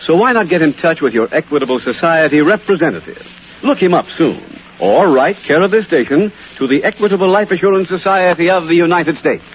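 A male announcer giving the sponsor's message and closing credits in a formal, polished pitchman manner, heard as an old radio broadcast transcription. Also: animated, fairly quick, background noise. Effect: old broadcast disc transcription sound. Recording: tinny vintage radio transcription with music.

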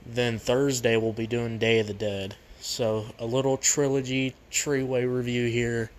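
Man rambling flatly on a cheap mic. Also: mid-range voice, measured pace. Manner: rambling, repetitive. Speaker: movie review show host. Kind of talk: casual unscripted review commentary. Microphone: poor makeshift microphone. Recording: cheap makeshift mic, noisy background.

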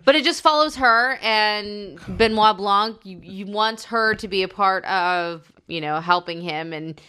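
A woman's voice: mid-range voice, measured pace, bright, forceful tone, clean tone. A woman co-hosting a casual movie review chat, chatty and given to hesitant restarts. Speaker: podcast co-host reviewing films.

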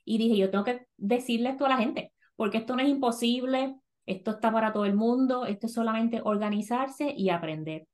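With a slightly high voice and a Puerto Rican Spanish accent, the woman hosting this laid-back podcast keeps things lively. She laughs readily and sprinkles English into her Spanish.

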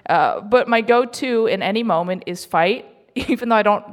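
A woman's voice: mid-range voice, moderate pace. A young woman comedian telling a self-mocking story on stage at a live event, chatty and laughing through her lines.

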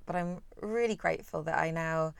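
A woman in her thirties with a soft, well-travelled Northern Irish accent, answering questions conversationally as an interviewed writer. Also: low-pitched, normal speed, creaky, clean tone, dry recording. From Belfast, Northern Ireland, partly raised in Singapore.

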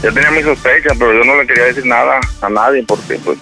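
Mexican guy stumbling through a prank call, bright voice, lots of um and restarts. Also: mid-range voice, faint music behind, low-quality recording. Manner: halting, hesitant, restarts a lot. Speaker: prank caller, radio host.

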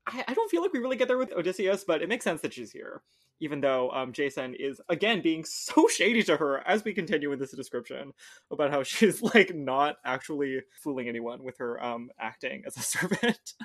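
A woman's voice: low voice, animated, fairly quick, dry recording, clean studio sound. A woman in her twenties co-hosting a casual book-club podcast, rambling along with frequent laughs. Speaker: podcast co-host.

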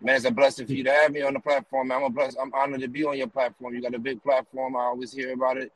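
A man's voice: medium pitch, level tone, rapid-fire, a bit bright, slight background noise, poor audio. A man from the US East Coast, a rapper and promoter telling long rambling stories in a casual interview while riding in a car. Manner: rambling run-on stories with many fillers and "you know what I mean". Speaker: guest, rapper and music promoter.

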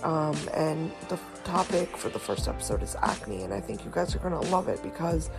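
A woman's voice: sits low, animated, normal speed, gravelly, music in the background. A woman hosting a skincare podcast in a casual, chatty way, full of "you know" and "like" fillers. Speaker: podcast host. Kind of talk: casual interview chat.

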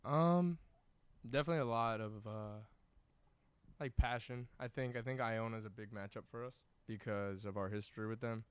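A man's voice: fairly low pitch, moderate pace, clear, resonant tone, no room sound. A young American man, a college soccer player from New York, answering interview questions casually in a locker room. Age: young adult. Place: indoors in a team locker room.

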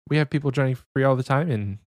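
A man's voice: mid-range voice, very fast, no echo, clean studio sound. A young adult man co-hosting a podcast in casual chat, keeping his voice down. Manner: talking quietly to avoid waking someone. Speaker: podcast co-host.

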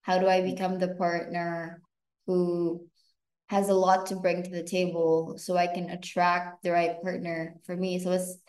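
A woman hosting a podcast in casual chat, thinking aloud with relaxed fillers. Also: on the low side, a little slow. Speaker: podcast host. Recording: echoey room.

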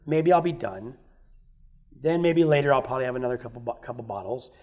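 Over a muffled recording, a man with a mid-range, slightly mellow voice talks fast with lively intonation. As a guest musician on a podcast, he tells candid stories of his past in casual chat, swearing freely and acting out others' voices.

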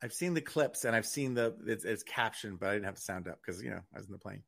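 A man's voice: on the low side, lively intonation, fast, creaky, a bit bright. A man hosting a radio show in casual chat, talking in a hesitant, wry and self-deprecating way.

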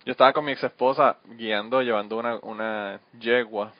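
A man, hosting a podcast in quick, laughing casual chat. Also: mid-range voice, steady tone, no room sound. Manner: fast-talking, laughs often. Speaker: podcast host. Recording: dull, slightly lo-fi audio.

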